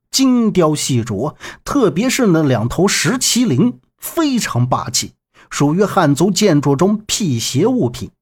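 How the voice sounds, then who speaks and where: A man narrating a serialized novel in an expressive, dramatic manner with a husky voice. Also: fairly high pitch. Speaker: audiobook narrator.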